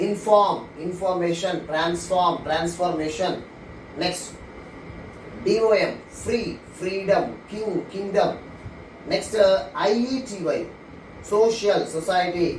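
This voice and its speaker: A man with a Telugu accent teaching English grammar, reading English definitions slowly and then explaining them quickly. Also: high-pitched, roomy sound, far from the mic, slight background noise, low-quality recording.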